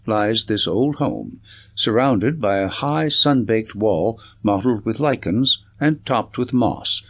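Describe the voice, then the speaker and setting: A man voicing an earnest, observant gentleman doctor in an audiobook, descriptive and slightly poetic. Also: mid-range voice. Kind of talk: audiobook character reading.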